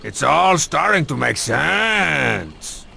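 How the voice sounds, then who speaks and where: Gravelly, cocky cartoon dictator. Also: male voice, a little high, very animated, very slow, sharp tone, a little hiss or hum, full character voice. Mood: exasperated. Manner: pompous, mocking, theatrical. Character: bossy, cocky, sarcastic cartoon would-be dictator. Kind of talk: cartoon game voice acting.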